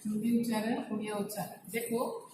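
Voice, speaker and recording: A woman with a slightly high voice teaches a pronunciation lesson, going through it step by step and answering her own questions. She is recorded from some distance away in a very echoey room. A faint hiss sits under her voice. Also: level tone, moderate pace. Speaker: Hindi teacher.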